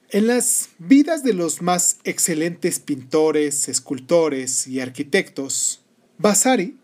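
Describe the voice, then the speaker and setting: Higher-pitched male podcast host. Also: a little mellow. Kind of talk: history podcast, partly read narration with casual asides.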